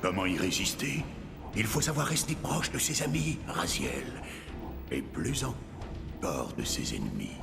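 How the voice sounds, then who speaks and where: An actor playing a suave, cynical, scheming lord in a video game dub, with theatrical, sardonic menace. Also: male voice, deep voice, very animated, moderate pace, gravelly, over music, full character voice.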